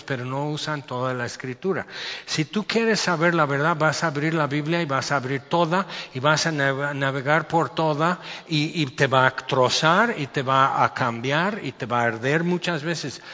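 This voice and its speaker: A male preacher with a Mexican accent gives a sermon, reading scripture and unpacking it in a relaxed, conversational way with questions to his listeners. His voice carries a long hall reverb. The recording sounds dull and lo-fi. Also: on the high side, moderate pace. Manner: conversational, explains verses with rhetorical questions.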